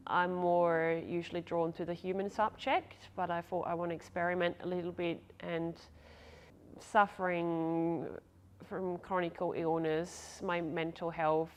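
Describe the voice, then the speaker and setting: A woman from Switzerland, an artist, talking casually and openly about her work. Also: fairly low pitch. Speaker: visual artist. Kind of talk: interview monologue.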